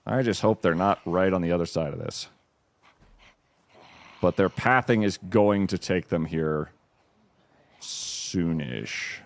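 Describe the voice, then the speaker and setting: A man's voice: low-pitched, slow pace, vocal fry, long pauses, dry recording. A man streaming a game, giving live commentary in a dry, wry, self-deprecating mutter.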